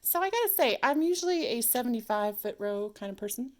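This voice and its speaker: A woman's voice: a little high, big pitch swings, a little fast. A married woman vlogging at home while she cranks a sock machine. She talks on and on to herself, now and then tossing in silly sound effects. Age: adult, married. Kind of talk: casual chat while working a sock machine. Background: clicking sock machine mechanism.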